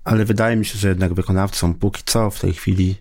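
A man with a very deep voice hosts a relaxed podcast chat. He works his way through ideas with small hesitations and restarts. The sound is dry and close, with no room around it. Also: fast, no echo. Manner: thoughtful, with hesitant fillers and restarts. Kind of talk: casual podcast conversation.

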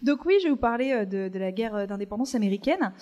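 A woman's voice: mid-range voice, animated, quick pace, mellow, muffled recording. Chatty woman explaining history onstage. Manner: chatty, explains step by step with many fillers. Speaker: podcast co-host presenting a history segment. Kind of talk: casual explanatory talk on a live podcast. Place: stage in front of a live audience.

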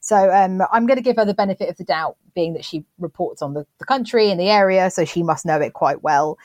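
A woman's voice: fairly low pitch, fast talker, a little mellow, no room sound. Chatty woman, dry sound. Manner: chatty, self-deprecating, many restarts. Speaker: podcast co-host. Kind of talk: casual chat.

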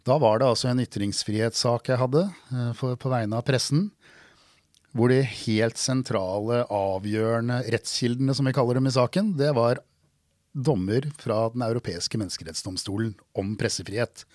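A man, a lawyer guest on a podcast, telling an anecdote in a measured, wry way. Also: mid-range voice, a little mellow, dry recording, studio quality. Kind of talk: anecdotal storytelling.

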